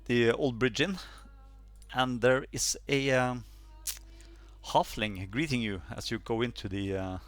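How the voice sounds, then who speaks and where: A man narrating a tabletop game as game master, halting with many fillers. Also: medium pitch, no echo. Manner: hesitant, many fillers, laughs often.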